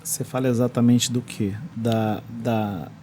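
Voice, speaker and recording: A man's voice: mid-range voice, flat delivery, measured pace, warm tone, a little hiss or hum. A man with a Brazilian accent explaining technology as a podcast guest in a studio, restarting phrases as he searches for words. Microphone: studio microphone.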